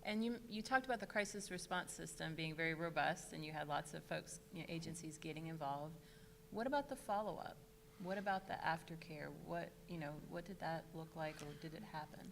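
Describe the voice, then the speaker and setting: A woman moderating a panel discussion, speaking in a measured, affirming way as she sums up points and asks follow-up questions. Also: low voice, vocal fry, a bit bright, slight background noise.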